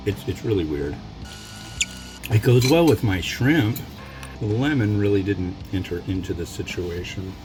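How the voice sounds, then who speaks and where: A man's voice: on the low side, measured pace, music in the background, poor audio. A man giving a casual, rambling food review as he eats, with a wry, off-the-cuff manner and frequent tangents. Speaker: food reviewer and mukbang host.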